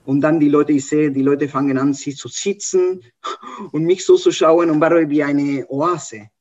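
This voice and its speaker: A man's voice: fairly high pitch, steady tone, measured pace, darkish tone, highs cut off. A man in his fifties from Argentina with an Argentine Spanish accent, a street mime giving an interview, earnestly searching for words. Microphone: video call.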